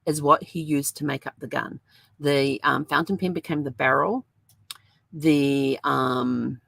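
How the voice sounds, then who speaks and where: Woman host, deep with some vocal fry, rambling casual storyteller. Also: a bit bright, no echo. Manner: rambling, chatty storytelling with many fillers. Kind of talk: casual chat.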